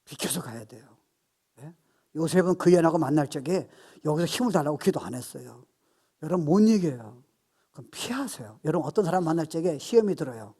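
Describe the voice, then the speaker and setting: Husky, animated older male pastor. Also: a little high, a little fast. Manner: animated, acts out voices, laughs at his own jokes. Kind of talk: sermon.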